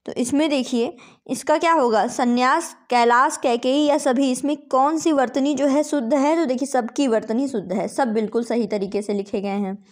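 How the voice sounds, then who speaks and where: A woman's voice: high voice, moderate pace. A woman tutor going through quiz answers, patiently spelling out words letter by letter and checking in with "okay" often. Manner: patient, repeats "ठीक है" often. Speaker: Hindi exam tutor.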